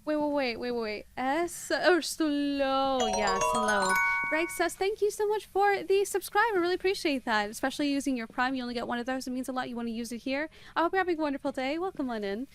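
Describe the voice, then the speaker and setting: Fast-talking high-voiced woman streamer. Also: expressive. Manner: talks extremely fast; chatty, greets viewers by name. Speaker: game streamer. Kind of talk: live gameplay commentary.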